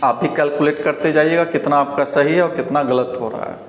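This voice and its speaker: An Indian man from Bihar teaching English pronunciation, slowly repeating each word several times and drawing out the model words. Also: fairly high pitch, fairly even intonation. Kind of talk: pronunciation lesson. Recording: roomy echo, faint background hiss.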